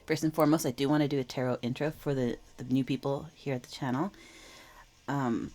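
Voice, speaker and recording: Woman, low voice, a little wheezy, under the weather, casual spiritual tarot host, reassuring and reflective. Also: fairly even intonation, a little fast, warm tone. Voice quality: slightly wheezy, with throat clearing. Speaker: tarot reader and channel host.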